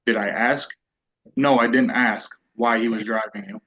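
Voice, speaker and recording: A man's voice: medium pitch, fairly even intonation, moderate pace, bright, forceful tone. Man testifying at a hearing, evasive and careful; muffled courtroom recording. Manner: guarded, evasive, repeats that he doesn't recall. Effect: courtroom recording played back on a stream. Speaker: respondent in a divorce hearing. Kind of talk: testimony under questioning. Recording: dull lo-fi courtroom audio.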